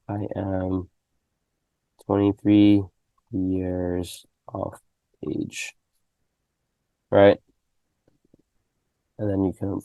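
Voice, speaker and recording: Young male tutor, dark gravelly tone, laid-back conversational delivery. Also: sits low, dry recording. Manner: loose and conversational, full of "okay?" and "right?" checks. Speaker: programming tutor. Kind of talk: casual screen-recorded coding lesson.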